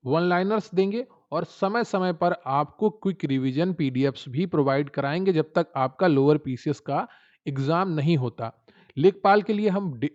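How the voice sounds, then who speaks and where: A man with a somewhat high voice gives an exam-prep lesson and keeps coaxing viewers to sign up for his notes. He talks straight to the audience in a persuasive promotional tone. The audio sounds dull and lo-fi. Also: darkish tone. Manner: persuasive, addresses viewers directly.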